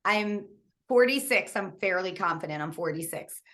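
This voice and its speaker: A woman's voice: mid-range voice, expressive, moderate pace, fairly bright tone. A woman in her forties, a candid author and coach, telling her story with frequent laughs in a casual interview over a video call. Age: 40s.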